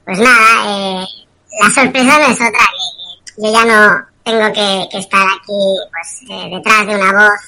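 A man from using a disguised high voice for an anonymous podcast persona, talking slowly and hesitantly. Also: fairly even intonation, pushed and bright, heavily acted, poor audio. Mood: measured. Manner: slow, deliberate and hesitant.

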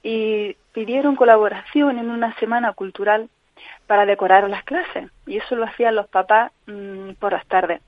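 A woman tells her story in an interview. She speaks earnestly, pausing and restarting often. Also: medium pitch, fairly even intonation, dry recording. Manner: earnest, halting, frequent restarts. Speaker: guest, mother living with chronic pain. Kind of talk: personal account in a call-in interview. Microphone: telephone. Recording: tinny phone line on radio.

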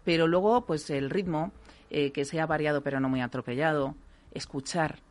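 A woman from working as a voice therapist, calmly explaining things in a radio interview and often checking in with "¿vale?". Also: sits low, moderate pace. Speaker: voice therapist guest.

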